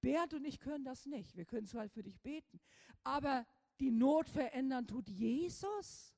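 Casting: middle-aged woman preacher, fairly high voice, fervent, with a long hall echo. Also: animated, normal speed. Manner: fervent, shifts from quiet confiding to loud commanding. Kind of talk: sermon.

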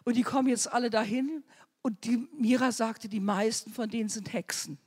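A husky-voiced woman preaches in a church hall, and her words ring out in a long reverb. She tells testimonies in an emphatic storytelling manner and builds to loud, urgent exhortation. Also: a little high, steady tone, normal speed. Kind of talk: charismatic sermon with testimony.

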